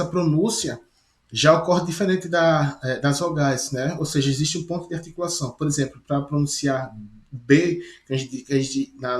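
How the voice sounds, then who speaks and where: A male teacher with a Brazilian Portuguese accent gives a recorded lesson, explaining step by step, sounding out letters slowly and often checking in with "né?". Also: a little high. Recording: echoey room.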